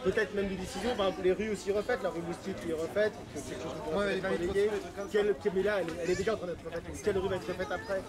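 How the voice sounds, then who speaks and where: A man's voice: high voice, steady tone, very fast. A man in casual discussion, explaining his project hesitantly and searching for words. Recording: noisy crowd outdoors. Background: loud crowd in an urban street.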